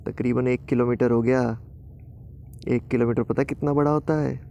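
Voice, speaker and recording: Man doing a smug bragging air conditioner in a kids' story, low gravelly voice, mellow tone. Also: fairly even intonation, moderate pace, a little hiss or hum, natural voice. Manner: smug, dismissive. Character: boastful arrogant male air conditioner.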